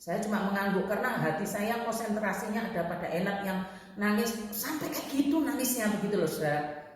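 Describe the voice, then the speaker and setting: A woman's voice: mid-range voice, expressive, a little fast, a little hiss or hum. Lady preaching at church, emotional storytelling, super echoey hall with long reverb. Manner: emotional retelling, addressing listeners as 'saudara'. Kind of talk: sermon with a retold story.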